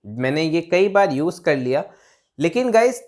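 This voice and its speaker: Lively male teacher drilling pronunciation. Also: a little high. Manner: repeats words slowly, drawn out, checks in with "theek hai?"; writes on a board while talking. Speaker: English teacher. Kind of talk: pronunciation lesson.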